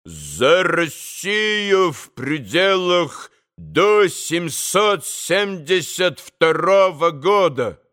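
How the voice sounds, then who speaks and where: A man voicing a proud, touchy nobleman, speaking in a booming, solemn voice. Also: big pitch swings, extremely slow, a bit bright, full character voice. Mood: indignant.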